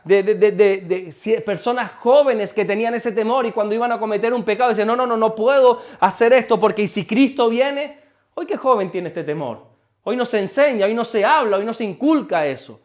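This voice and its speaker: A pastor preaches in a high, emphatic voice. He fires questions at the congregation and repeats words as he pushes his point. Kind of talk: sermon.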